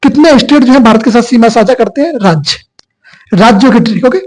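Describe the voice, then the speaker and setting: A man's voice: very high voice, lively intonation, a little fast, a little mellow, low-quality recording. A male teacher giving an exam coaching lecture, asking questions and answering them himself. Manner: repetitive call-and-response questioning.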